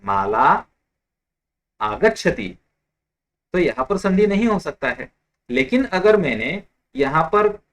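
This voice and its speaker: A man teaching a Sanskrit grammar lesson in a patient, explanatory way, repeating examples slowly and stopping to correct small slips. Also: on the high side, a bit bright. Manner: explanatory, slips and corrects himself, mixes English terms. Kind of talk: online lecture.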